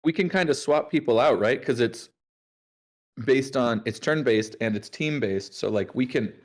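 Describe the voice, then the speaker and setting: A man's voice: medium pitch, moderate pace. A man playing in a tabletop game, casually thinking aloud about plans with the group. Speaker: player.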